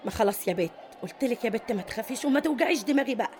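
A woman's voice: fairly high pitch, animated, rapid-fire, a little mellow, slight background noise, natural voice. An actress with an Egyptian accent playing a tough, domineering middle-aged female prison boss who scolds and commands. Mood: bossy.

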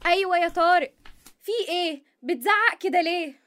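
A woman's voice: extremely high pitch, a little fast, fairly bright tone. A woman in her twenties with an Egyptian accent playing a dramatic, complaining young wife. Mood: exasperated. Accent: Egyptian Arabic. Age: 20s.

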